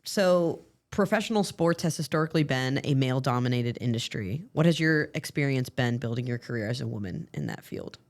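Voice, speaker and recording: Fast-talking enthusiastic woman host. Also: extremely low pitch, animated. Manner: enthusiastic, encouraging. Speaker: podcast host. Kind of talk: casual interview chat.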